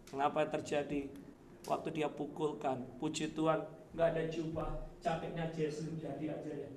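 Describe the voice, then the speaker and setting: A male pastor with a Surabaya Indonesian accent, preaching a lively sermon in a church and shouting dramatic quotes. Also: on the high side, normal speed, slight background noise. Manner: mixes English words into speech.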